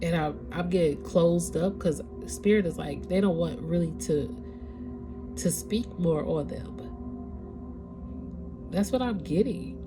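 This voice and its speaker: Over background music and a rough recording, a congested-sounding woman offers a tarot reading in a casual, conversational way, pausing now and then to search for words. She speaks slowly in a lowish voice with long pauses.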